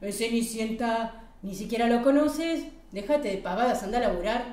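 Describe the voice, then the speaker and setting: A woman's voice: on the high side, animated, brisk, a little mellow, close to an everyday voice. A woman doing a jolly little caterer man. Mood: amused scolding. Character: small jovial middle-aged male caterer. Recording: roomy hall, distant mic.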